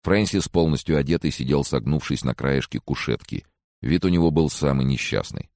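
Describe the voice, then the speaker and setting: A man narrating an audiobook in the first person, in a measured, expressive storytelling manner. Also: a bass voice, dry recording, clean studio sound.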